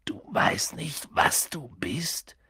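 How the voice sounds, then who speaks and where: A man reading an audiobook and voicing a huge, hot-tempered but kind male giant who swings between hushed whispers and booming shouts. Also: very animated, measured pace, gravelly, husky, dry recording, clean studio sound, exaggerated voice. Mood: earnest.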